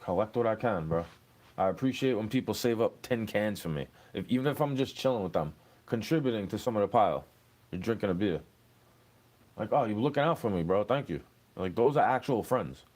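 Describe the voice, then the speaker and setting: A man's voice: fairly low pitch, lively intonation, brisk, a little mellow. A young man, rambling and cursing as he answers questions in a street interview. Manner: rambling, profane, aggrieved.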